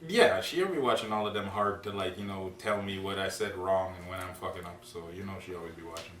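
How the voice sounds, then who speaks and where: A man co-hosting a casual podcast, talking bluntly and with lots of swearing, getting louder as he rants. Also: low voice, fairly quick. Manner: blunt, profane, heats up when ranting. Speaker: podcast co-host. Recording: echoey room, mic at a distance, faint hum.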